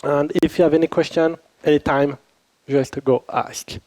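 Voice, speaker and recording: Here a man with a fairly high, slightly mellow voice keeps a level tone at a moderate pace. He's a French-accented instructor based in Switzerland, hosting a casual conference workshop, asking attendees questions, and a bit under the weather from a cold. The handheld or lapel mic gives a low-quality recording with no echo.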